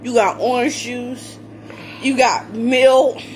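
Filmed close on a phone at an indoor table in a small room, a young vlogger chats casually as she eats, remarking between bites. She speaks slowly in a higher voice with fairly even intonation, and faint music plays behind the noisy home recording.

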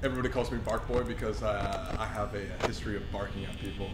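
A man's voice: fairly low pitch, steady tone, quick pace, echoey room, background noise. A man in his late twenties, drunk, bantering playfully and making fun of himself. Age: 20s. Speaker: guest friend on a stream. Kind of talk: casual chat.

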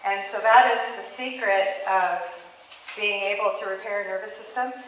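A woman in her thirties, a therapist, leads a parenting workshop for a small group in a meeting room with flip charts on the walls, gesturing with her hands and laughing often. Her medium-pitched voice is fairly bright. She uses a handheld mic but is filmed from across the room, so it sounds distant and echoey with slight background noise.

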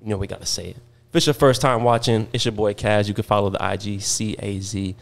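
A man's voice: lowish voice, steady tone, a little fast, creaky. A man hosting a podcast, chatting casually with laid-back slang. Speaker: podcast host.

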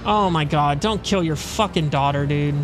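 A man's voice: fairly high pitch, moderate pace, over music. A man reading game dialogue aloud and commenting in a casual, sweary, reactive way as a let's play streamer. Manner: informal, reactive.

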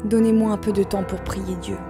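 A woman's voice: mid-range voice, little pitch movement, fairly quick, lightly acted. A woman voicing a terrified young wife who pleads and cries out for help in a storybook reading. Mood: pleading. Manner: pleading, frightened. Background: music.

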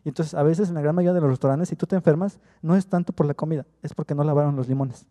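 A man's voice: fairly high pitch, rapid-fire, warm tone, long reverb tail. A Mexican man giving a casual business talk, chatty, often repeating words and restarting sentences. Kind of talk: casual lecture. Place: large hall before an audience.

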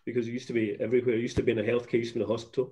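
Speaking rapid-fire in a flat, mellow, medium-pitched voice, a middle-aged man from Scotland rambles with restarts as a guest in a casual video call interview. He's in his home office, and the laptop webcam picks him up with muffled sound.

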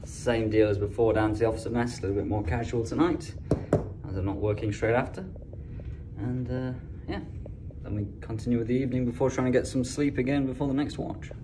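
A young man records himself on a phone at arm's length as he walks through a ship's interior. He explains his routine in a relaxed, conversational way, at an ordinary middle pitch. A clear layer of background noise runs under his voice. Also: fairly quick. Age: young adult. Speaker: cruise ship deck officer vlogging his day. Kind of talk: casual vlog narration. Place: indoors on a ship, offices and mess rooms. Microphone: phone held at arm's length.

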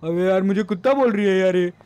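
A man's voice: sits high, fast, mellow, clean tone, natural voice. A man voicing a timid, whiny talking dog in a game role-play. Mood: scared. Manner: fearful, whiny.

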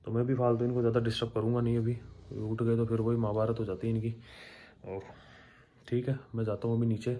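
A young man, the father of infant twins, talking softly and slowly in a casual home vlog so the babies can sleep. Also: medium pitch, little pitch movement.

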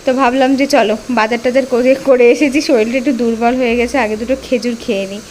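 Pregnant bengali village vlogger, high voice, chatting away while she cooks, bit of background hiss. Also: fairly even intonation, quick pace, darkish tone. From West Bengal, India. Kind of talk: casual cooking vlog chat. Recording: faint background noise.

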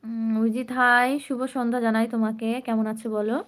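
A young woman with a sore throat hosts a casual live stream, greeting each viewer by name. Her voice sits a little high. Her talk is chatty and friendly. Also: level tone, brisk. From West Bengal, India.

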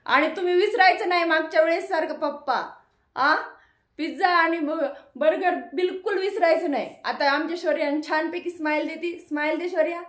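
A mother filming a casual home vlog, gently coaxing and prompting her child with short repeated questions. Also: extremely high pitch, normal speed. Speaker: mother and vlogger. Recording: echoey room.

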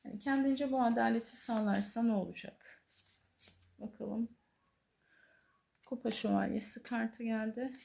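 A woman giving a tarot reading to her viewers, earnest, pausing often with drawn-out fillers. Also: on the high side, steady tone, gravelly, a little hiss or hum. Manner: hesitant, many drawn-out fillers, soft and earnest. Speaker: tarot reader.

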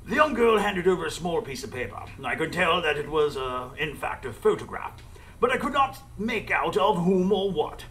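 Man as Doctor Watson, expressive gentlemanly storyteller. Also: fairly high pitch, moderate pace, slight background noise. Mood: grave narration. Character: gentlemanly older male doctor, earnest storyteller and sidekick. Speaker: narrator. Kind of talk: dramatic first-person radio narration. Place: live stage before an audience.

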